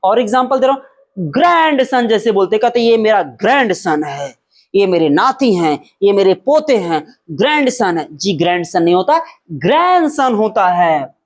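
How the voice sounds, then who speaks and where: A male teacher with a high-sitting voice gives a spoken pronunciation lesson, emphatic and animated in his explanations. He drills example words slowly and drawn out, posing questions and then answering them himself.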